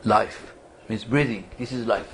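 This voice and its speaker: A lowish male voice comes through a little slow, against slight background noise. In a lecture room at a community foundation, he teaches religious study to a small group in a chatty way, quizzing them and frequently beginning his sentences again.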